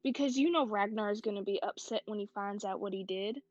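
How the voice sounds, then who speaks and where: A woman's voice: high-pitched, a little slow, no room sound, dull audio. A woman voicing a blunt but caring young woman who swears, then soothes her frightened friend. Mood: comforting.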